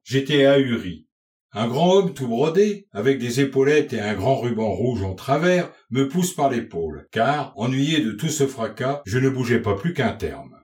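A man's voice: medium pitch, natural voice. A man reading aloud and voicing an anxious, blustering bourgeois father recounting his ordeal.

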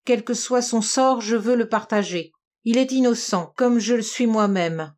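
A woman's voice: a little high, measured pace, darkish tone, lightly acted. A woman reading an audiobook, voicing a theatrical, grieving young woman who pleads dramatically. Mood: impassioned.

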